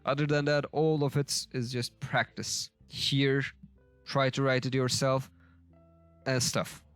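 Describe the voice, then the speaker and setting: Slow, halting man thinking aloud. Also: mid-range voice, level tone, smooth, dry recording, faint music behind. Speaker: language learner teaching a lesson. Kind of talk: casual screen-share lesson commentary.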